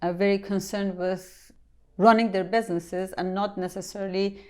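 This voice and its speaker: A middle-aged woman from Iran, a company president answering interview questions thoughtfully, pausing often with ums. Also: mid-range voice, level tone, mellow. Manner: thoughtful, hesitant with many ums.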